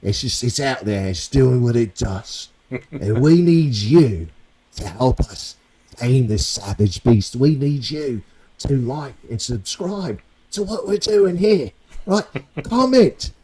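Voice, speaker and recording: A man putting on a bombastic showman voice with a theatrical, drawn-out delivery. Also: fairly low pitch, lively intonation, warm tone, close to an everyday voice. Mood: hammy. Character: bombastic male showman hunting a beast.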